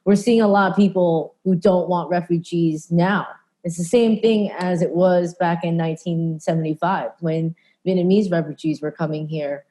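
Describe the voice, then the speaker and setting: A woman's voice: on the low side, steady tone, moderate pace, mellow. A woman from California speaking earnestly in a panel talk, with many fillers and restarts. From California, USA. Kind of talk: conversational panel discussion.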